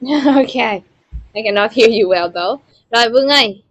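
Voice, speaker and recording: Over dull, dry, lo-fi call audio, an English teacher with a Vietnamese accent speaks at a normal pace in a fairly high voice. She calls on students by name during her online class and explains phrases.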